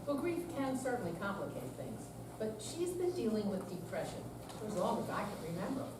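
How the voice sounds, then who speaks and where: An actress plays a seventy-year-old woman in a staged reading, a live performance in a senior center room, sounding earnest and confiding, weary yet resolute, with deliberate scripted delivery and a weary, exasperated mood. Her natural, mid-range older voice is heard from a distance in a very echoey room with steady, clear background noise.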